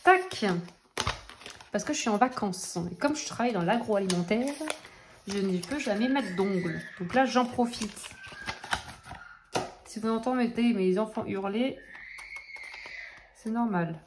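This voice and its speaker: A working mother talking quickly and tripping over her words, chatting casually at home as she shows off her art supplies to camera. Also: mid-range voice, noisy background. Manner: talks fast and stumbles over words; chatty, full of fillers and asides. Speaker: craft vlogger showing art-supply purchases. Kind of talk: casual haul chat to camera. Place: at home, with children nearby.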